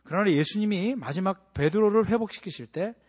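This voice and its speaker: A man preaching a sermon in a church sanctuary, dramatic and swinging between hushed asides and loud bursts. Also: sits high, lively intonation, brisk, slightly rough. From Busan, South Korea. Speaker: pastor. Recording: long hall reverb.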